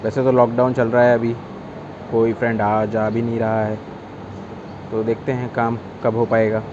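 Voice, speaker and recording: Vlogging dad with traffic noise behind. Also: male voice, mid-range voice, little pitch movement, normal speed, muffled recording. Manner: playful, loud and coaxing with his child. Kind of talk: casual vlog talk.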